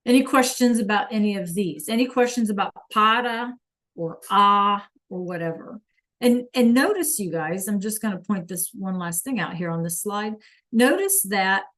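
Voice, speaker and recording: A woman's voice: medium pitch, fairly bright tone. A woman teaching a Spanish lesson online, patiently checking in with her students and praising answers from the chat.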